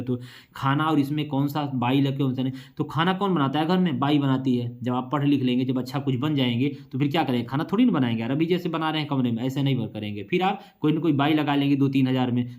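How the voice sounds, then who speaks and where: Young man, science teacher, exam revision, asks and answers himself, casual asides, slightly high voice. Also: a little mellow. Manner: casual, chatty asides with memory tricks.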